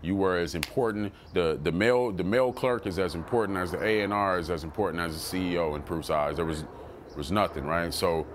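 Male rapper, low voice, casual and animated storyteller, quotes people in bursts, swears freely. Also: a little fast, a little hiss or hum. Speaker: rapper telling his story.

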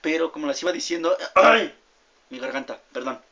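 A young man giving rambling gameplay commentary, easily distracted and yelling when things go wrong. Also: a little high, quick pace. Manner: rambling, easily distracted, shouts at game mishaps. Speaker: gamer. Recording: dull lo-fi audio with loud game music.

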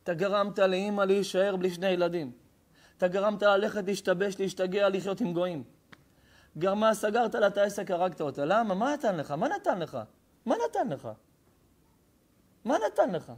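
A rabbi giving an impassioned ethics sermon, swinging from shouted rhetorical questions to hushed, intimate storytelling. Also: male voice, sits high.

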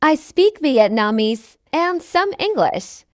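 A woman slowly reads through a beginner English dialogue, enunciating carefully and repeating each line for learners. She has a high-pitched, very animated voice and takes her time. The recording is dry and of studio quality.

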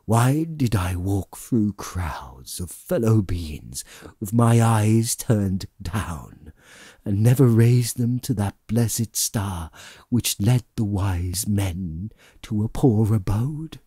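A man voicing the anguished, remorseful ghost of a dead businessman in a slow, mournful lament for an audiobook. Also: fairly low pitch, animated, mellow, husky, dry recording, studio quality, exaggerated voice. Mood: sorrowful warning.

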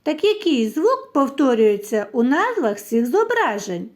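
Slow, high-voiced woman teaching children. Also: sing-song. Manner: slow, clear, sing-song teaching voice. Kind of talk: children's literacy lesson.

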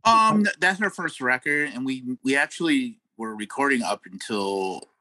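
A middle-aged man spins lively backstage anecdotes as a guest musician, chuckling between lines and filling pauses with "um". His voice is recorded close and dry, with no room sound. He sits at a middle pitch. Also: dry recording, rough recording. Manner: animated anecdotes with frequent laughs and fillers. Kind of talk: casual storytelling interview.

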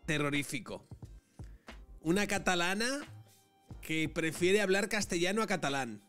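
A man's voice: sits high, lively intonation, measured pace, bright, forceful tone, faint music behind. A man streamer giving sarcastic, mocking commentary on a dating show clip. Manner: sarcastic, mocking, tag questions. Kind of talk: casual reaction commentary.

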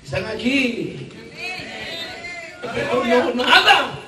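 A man from Guatemala preaching a fervent sermon, shouting often and calling out questions to the congregation. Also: very high-pitched, big pitch swings, very slow, background noise. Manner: fervent, shouting and asking the crowd for replies. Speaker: evangelist preacher. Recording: echoey room from far off.

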